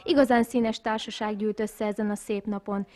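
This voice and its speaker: A woman playing a gushing, easily smitten football commentator, giving excited, exclamatory Hungarian sports commentary in a comic radio sketch. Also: medium pitch, close to an everyday voice. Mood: gushing, thrilled.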